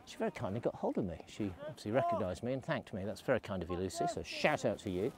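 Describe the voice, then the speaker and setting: A man's voice: on the low side, huge pitch swings, quick pace, a loud crowd. A middle-aged man, vlogging in a chatty, rambling way while out on a snowy ski slope, filming himself at arm's length. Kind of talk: casual vlog while skiing. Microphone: selfie camera at arm's length.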